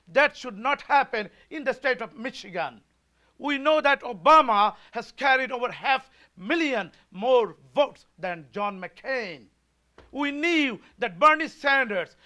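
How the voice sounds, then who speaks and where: Speaking with a Bangladeshi accent, a party chair candidate from Bangladesh, a man in his forties, rallies a political forum with an emphatic campaign speech. His high-pitched voice sounds pushed and bright as he stirs the audience and draws them into call-and-response.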